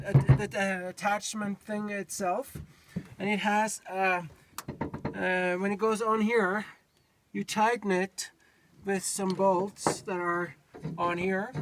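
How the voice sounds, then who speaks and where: Standing outdoors by the bed of a pickup truck, a DIY vlogger from Norway shows how to tie a hitch, explaining each step in his Norwegian accent. His voice is high, his delivery halting and full of fillers as he hunts for words, and the camera-mic audio is very noisy.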